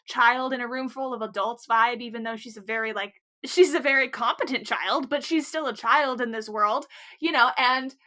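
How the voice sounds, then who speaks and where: A woman with a high, bright voice co-hosts a casual book chat. She talks animatedly, swears freely and laughs often. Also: moderate pace. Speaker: podcast co-host.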